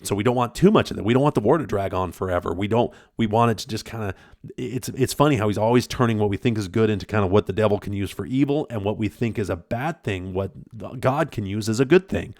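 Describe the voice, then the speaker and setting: A man's voice: on the low side, fast talker, darkish tone, no echo, clean studio sound. A man hosting his own podcast, talking through a book in an earnest, rambling way with lots of fillers and restarts. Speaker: podcast host. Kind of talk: reflective solo book talk.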